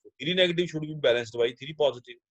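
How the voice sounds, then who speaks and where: Male chemistry teacher, slightly high voice, dry close mic, explains step by step and answers his own questions. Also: unhurried, no room sound, dull audio. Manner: addresses students as children. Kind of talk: classroom lecture mixing Hindi and English.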